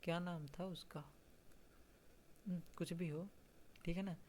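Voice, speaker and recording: A teacher giving an exam-prep vocabulary lesson, explaining patiently, checking often that students follow, and reading English definitions out very slowly. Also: mid-range voice, a little hiss or hum.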